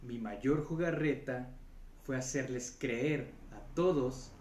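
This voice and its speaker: A man voicing a vast, cold, godlike voice in hell, speaking slowly and calmly. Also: medium pitch, far from the mic, slight background noise, close to an everyday voice. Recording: roomy echo.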